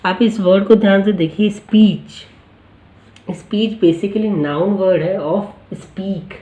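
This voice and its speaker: A male English teacher talks through a lesson, asking the class questions and answering them himself. He drills pronunciation by saying each word slowly several times over. His voice rings with a roomy echo. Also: high-pitched, steady tone, dark tone, dull audio. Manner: explanatory, asks the class rhetorical questions. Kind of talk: spoken-English lesson explained in Hindi.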